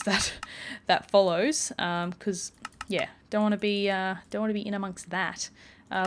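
Woman, gaming channel host, casual chatty play-along, mid-pitched voice, faint keyboard clicks behind. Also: a little hiss or hum. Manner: chatty, rambling, many "like" and "um" fillers. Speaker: gaming YouTuber. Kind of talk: casual let's play commentary.

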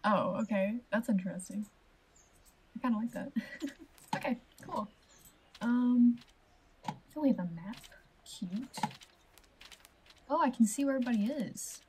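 A woman's voice: a little high, measured pace, long pauses, darkish tone, a little hiss or hum, poor audio. A woman chatting casually through a game playthrough with giggly asides. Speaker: game streamer. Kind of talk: casual gameplay commentary.

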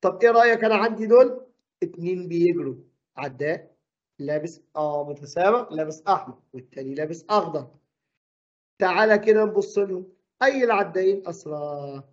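A man with an Egyptian Arabic accent teaching a physics lesson, quizzing the class with quick questions. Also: sits high, expressive, muffled recording.

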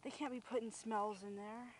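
A young woman with a slightly high voice chats casually as she films outdoors in brushy scrubland. She exclaims often and talks like a friend on a day out. Her handheld camera picks up clear wind and handling noise. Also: steady tone, moderate pace. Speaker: vlogger filming a geocaching trip. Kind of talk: casual chat while exploring. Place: outdoors, brushy desert lot.

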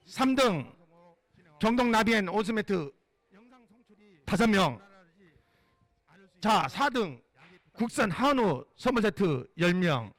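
Man, high-pitched, prize draw host, live event announcing, formal, polite. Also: big pitch swings, takes it slowly, long pauses, fairly bright tone, dry recording.

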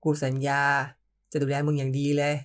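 Confident young lover for an audio novel, voiced plainly by the reader, teasing and coaxing. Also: male voice, mid-range voice, completely flat delivery, brisk, clear, resonant tone, close to an everyday voice.

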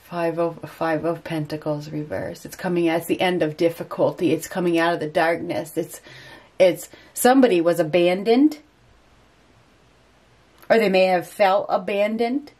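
Seated at an indoor table, a woman with a head cold and a stuffy nose gives an unscripted tarot reading, thinking aloud as she turns each card. Her voice sits on the low side and is a little mellow, moving at a moderate pace. She rambles and hesitates as she works through the spread.

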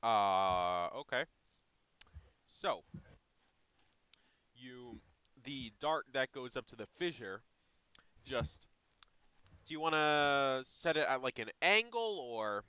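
A young man serves as game master of a casual tabletop session, speaking slowly with lively, wandering pitch. His voice is bright and crisp, set in a dry room with no echo, and his talk is loose and slangy, padded with fillers and restarts.

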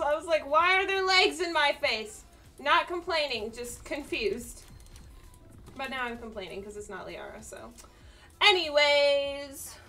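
A woman streaming a game, chatting casually with her viewers, swearing often and breaking into loud outbursts and laughter. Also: on the high side, distant mic. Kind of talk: casual gameplay chat.

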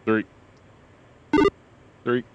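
A man flying as a formation wingman, heard over a helmet radio, giving terse radio calls with some dry joking. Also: drawn-out words. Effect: helmet radio transmission. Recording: muffled radio over loud engine noise.

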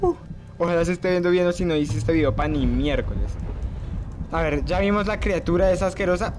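Jumpy young gamer, noisy mic. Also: male voice, high-pitched, fairly quick. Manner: jumpy, mutters to himself, shrieks and laughs at scares. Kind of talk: horror game commentary.

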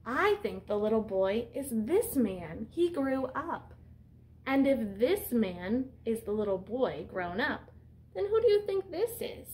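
A woman in her thirties, her voice a little high and darkish with big pitch swings, reads a picture book unhurriedly in a small indoor room. Like a teacher, she explains simply and quizzes young children in plain, instructive language.

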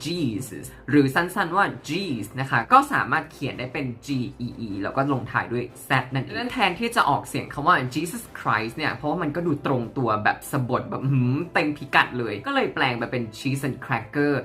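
A woman's voice: extremely low pitch, big pitch swings, fairly quick, hardly any pauses, bright, forceful tone. A woman teaching English in a chatty, playful storytelling way. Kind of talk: chatty social-media language lesson.

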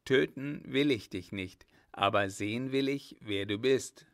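A man's voice: lowish voice, a little slow, vocal fry, a bit bright. A man voicing a brave, ardent young male lieutenant with a firm, earnest manner.

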